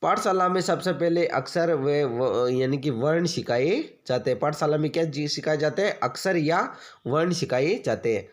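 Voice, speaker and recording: Guy teaching exam prep, kinda high voice, asks a question then answers it himself, repeats everything. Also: moderate pace. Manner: keeps addressing listeners as friends.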